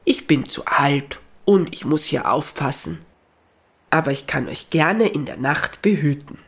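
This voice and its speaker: An old, gentle dog from a children's storybook recording, speaking in a soft, slow, husky voice. He sounds weary and kindly, voiced by the narrator of the tale. His pitch sits in a plain middle range. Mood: tired.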